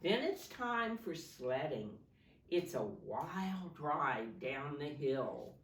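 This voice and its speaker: A preschool teacher reads a storybook to small children in a sing-song, child-directed way, pointing things out and asking simple questions. Her low voice rises and falls very animatedly, extremely slowly. The distant microphone picks up a roomy echo and a little hiss or hum.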